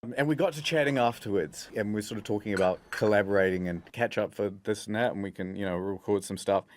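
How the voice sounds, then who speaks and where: A man's voice: fairly low pitch, fast, a little hiss or hum. A man in casual chat, telling a self-mocking story in a rambling way.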